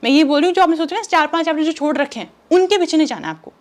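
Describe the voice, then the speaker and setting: A woman's voice: sits high, lively intonation, very fast. A young woman teaching exam strategy to chemistry students in a chatty, direct and reassuring way, mixing in English words. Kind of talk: casual Hindi-English teaching talk.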